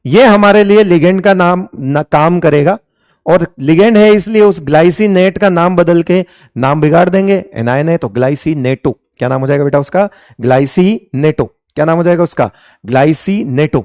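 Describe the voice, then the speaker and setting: A male chemistry teacher lectures his class, repeating the same question again and again before answering it himself and calling students beta and raja. His voice is a little high for a man, slightly mellow, and at a normal speed. The audio is dry and close with little room echo.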